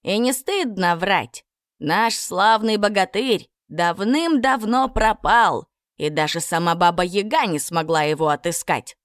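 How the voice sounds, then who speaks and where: A woman voicing a sharp-tongued invisible household spirit that jeers in a sneering way. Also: high-pitched, big pitch swings, normal speed, no echo, studio quality, voice pushed up. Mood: scornful. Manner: sneering, jeering.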